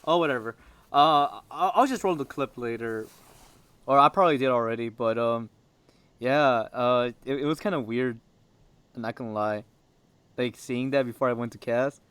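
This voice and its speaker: A man's voice: medium pitch, normal speed, fairly bright tone, clean tone. A teenage boy hosting a casual podcast chat, rambling with many fillers and restarts. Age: teens. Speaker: podcast host.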